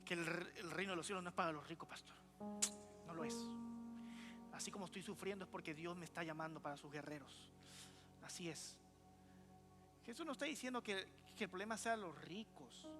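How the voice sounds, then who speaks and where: In a church sanctuary, a male pastor with a high voice preaches a lively, conversational sermon, speaking briskly with long pauses. He keeps the congregation engaged by asking questions and inviting replies, with music playing in the background.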